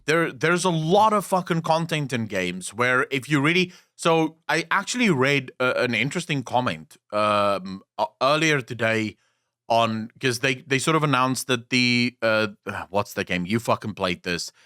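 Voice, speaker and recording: A gaming podcast co-host, originally an Afrikaans speaker, delivers blunt, profane, opinionated rants in casual chat. His mid-range voice is animated and sharp but runs a little slow.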